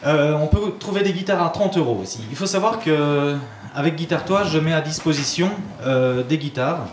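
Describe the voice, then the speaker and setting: A man with a slightly high voice answers interview questions as a guitar teacher, explaining things informally at a normal speed in casual conversation. He's in an indoor studio, and the recording has roomy echo and clearly audible background noise.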